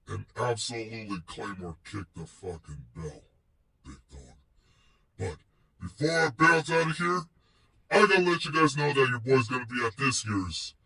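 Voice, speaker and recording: Poor audio captures a man far from the mic as he vlogs casually about wrestling, slangy, rambling, playful and full of free swearing. He is a vlogger and show host with a mid-range, creaky voice that is a bit bright with a breathy edge.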